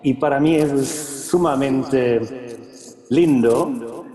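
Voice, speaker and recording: A man from Germany, a native German speaker with a German accent, giving an informal lecture as a guest speaker, halting as he searches for words. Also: medium pitch. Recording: echoey hall with crowd sound.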